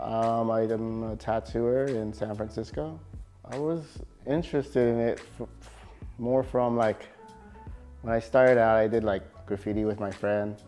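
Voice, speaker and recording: Being interviewed, this California tattoo artist keeps things casual, relaxed and halting, his speech full of fillers. He has a lowish voice over soft background music.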